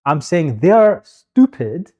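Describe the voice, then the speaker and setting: A man's voice: fairly high pitch, big pitch swings, slow pace, a little mellow. A man co-hosting a podcast in casual chat, swearing freely and talking over his partner. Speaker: podcast co-host.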